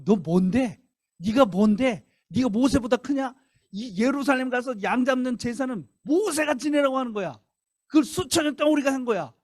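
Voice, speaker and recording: Brief: pompous officials demanding answers in a high, pushy voice, as a preacher does them. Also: male voice, expressive, normal speed, dry recording, studio quality. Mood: indignant. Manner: hectoring questions, rising and indignant. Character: indignant group of male temple officials.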